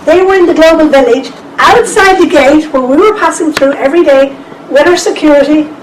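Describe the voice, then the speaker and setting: Woman speaker, fairly high voice, chatty seminar talk, recorded from far off with noise behind. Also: fairly quick. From Ireland. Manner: lively, chatty, with asides to the audience. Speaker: conference speaker. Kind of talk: presentation to a seminar audience. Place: lecture room. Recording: echoey room, distant mic, background noise.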